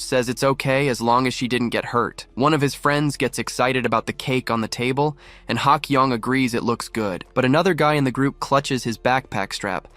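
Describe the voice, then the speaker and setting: A man's voice: mid-range voice, fairly bright tone, no echo. Man narrating a recap, dry close mic. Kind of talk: scripted narration.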